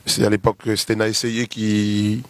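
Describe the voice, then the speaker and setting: This man in his thirties from Réunion speaks with a Réunionese French accent. As a guest artist in a casual interview, he rambles through long lists full of fillers, his fairly low voice monotone and moderately paced with no echo.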